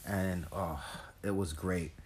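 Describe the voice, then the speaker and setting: A man's voice: sits low, fairly even intonation, slow pace, a crowd in the background. Easygoing man hosting a food vlog. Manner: easygoing, hesitant with many ums. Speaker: co-host. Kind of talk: casual food vlog chat.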